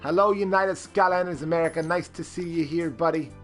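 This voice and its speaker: Guy streaming a game, chatty and rambling, slightly high voice, faint music behind. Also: brisk. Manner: rambling, many fillers, greets chat viewers. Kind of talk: casual live-stream commentary.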